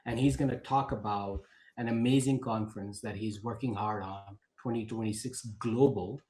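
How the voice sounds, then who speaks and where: A man's voice: lowish voice, steady tone, moderate pace, darkish tone, reverberant, rough recording. A male podcast host giving enthusiastic, effusive introductions to his guests. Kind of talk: podcast interview.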